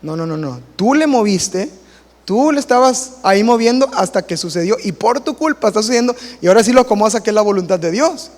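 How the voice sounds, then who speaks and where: A man, a pastor preaching a sermon in a church, lively and acting out quoted voices and little stories. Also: sits high, fairly quick, long reverb tail. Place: church hall.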